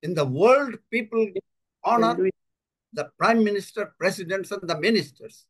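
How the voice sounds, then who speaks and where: A man preaching a bilingual sermon, slow and emphatic, repeating key phrases and translating himself between languages. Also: high-pitched, a bit bright. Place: church service.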